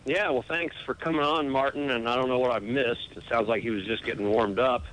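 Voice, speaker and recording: A man's voice: medium pitch, steady tone, fairly quick, fairly bright tone, a little hiss or hum. Man on a patchy cell phone call. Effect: patchy cell phone call cutting in and out. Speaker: caller. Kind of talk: casual call-in chat. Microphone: borrowed cell phone with weak reception.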